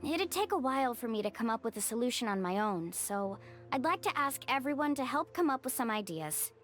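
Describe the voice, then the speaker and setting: Mualani, animated high-voiced young guide voiced by a woman. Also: a little fast, soft background music, natural voice. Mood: thoughtful. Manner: confident, explanatory, animated. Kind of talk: video game voice acting.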